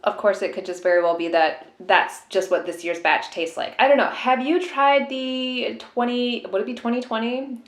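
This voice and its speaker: Woman chatting casually in an echoey room. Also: mid-range voice. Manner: informal, rambling, hesitant musing. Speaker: tea vlogger. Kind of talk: casual unboxing chat. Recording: roomy, echoey room sound.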